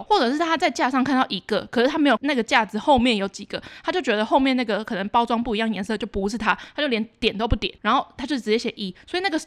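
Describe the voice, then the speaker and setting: A woman with a Taiwanese Mandarin accent, co-hosting a casual podcast and retelling a workplace story in an exasperated rant. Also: fairly high pitch. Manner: fast, exasperated ranting retelling. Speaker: podcast co-host.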